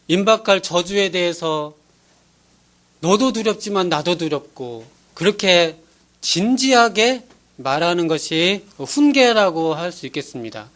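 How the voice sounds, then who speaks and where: A man's voice: high voice, fairly bright tone. A male pastor preaching a sermon in an earnest, pleading way, acting out little scenes as he goes.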